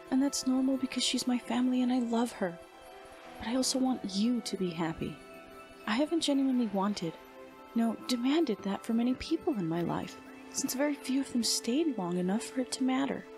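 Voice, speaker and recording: A woman voicing a warm, earnest teenage girl huntress, speaking softly and heartfelt in a fan fiction reading. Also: high-pitched, lively intonation, a little fast, faint music behind, voice pushed up. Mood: tender. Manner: soft, pleading, heartfelt.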